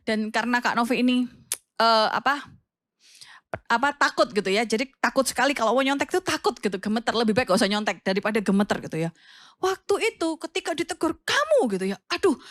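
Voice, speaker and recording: A young woman with an East Javanese Indonesian accent preaching to children, telling a personal story with lively acted-out voices and frequent fillers. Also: high voice, dry recording, clean studio sound. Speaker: youth preacher.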